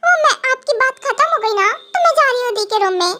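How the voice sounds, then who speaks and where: A woman's voice: very high-pitched, animated, fairly quick, pushed and bright, slight background noise, full character voice. A woman doing a giggly, naive young wife. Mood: giggly, whiny. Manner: giggling, whiny, childlike. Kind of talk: fan audio drama.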